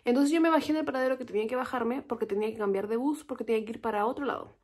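A woman's voice: fairly high pitch, very fast. Chatty young Chilean woman vlogger. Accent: Chilean Spanish. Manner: chatty, animated storytelling with quoted reactions. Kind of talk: casual storytelling vlog.

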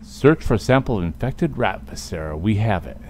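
Low-voiced man doing gameplay commentary. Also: expressive, a little fast, darkish tone. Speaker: video game streamer. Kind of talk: casual gameplay commentary, reading in-game texts aloud. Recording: clear background noise from game. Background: game ambience.

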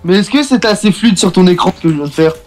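A man's voice: high voice, lively intonation, racing, music in the background. A young man hosting a gaming video, chatting casually and teasing his teammate from a small room at home. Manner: teasing, joking banter.

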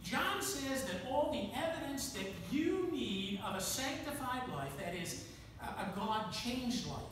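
A man's voice: very high voice, sing-song, measured pace, fairly bright tone. An older man preaches from the pulpit in a folksy, storytelling way, poking fun at himself between points. He sounds far from the mic, and his voice rings around a big, echoey church hall. Room noise hangs under every word. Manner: folksy storytelling with self-deprecating asides. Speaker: pastor. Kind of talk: sermon. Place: church sanctuary with pipe organ. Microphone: room camera from the back of the church.

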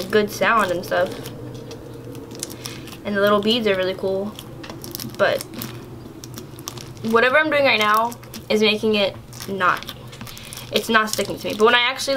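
A woman's voice: mid-range voice, fairly bright tone, slight background noise. A young woman casually reviewing products in a vlog, chatty and exasperated, with lots of filler words. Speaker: YouTuber.

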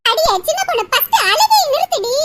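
Using an extremely high, sing-song, slightly bright voice, a woman performs a full character voice as a cartoon village mother. She speaks fast, lecturing and scolding her daughter at length with advice, over background music.

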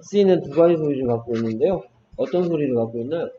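In a dull lo-fi recording with faint noise behind him, a man leads a one-on-one online phonics lesson, patiently demonstrating each English sound and cheering his student on. He talks fast in a warm, animated voice pitched on the high side.

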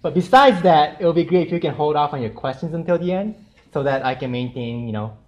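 A young Japanese artist, whose first language is Japanese, gives a casual gallery-style lecture on his art to students in a university lecture room with a projector screen. His voice is on the high side, brisk and a little mellow, with lively intonation and plenty of friendly fillers.

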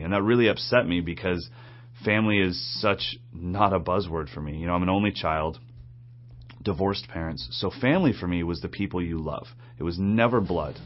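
A man in his forties, a drum teacher, telling his story in a candid, reflective documentary interview, seated in an indoor drum studio. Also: sits low. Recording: slightly dull, muffled audio.

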